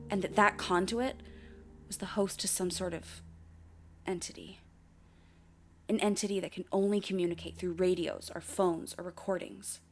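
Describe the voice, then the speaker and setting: For an audio drama, an actress plays a shaken but determined young woman, telling her story in earnest, confiding first-person narration. Her voice sits on the low side and sounds close to an everyday speaking voice.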